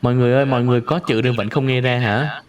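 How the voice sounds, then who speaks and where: A man teaching English pronunciation in a live online lesson. He drills words slowly and repeats them many times. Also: mid-range voice, steady tone, highs cut off.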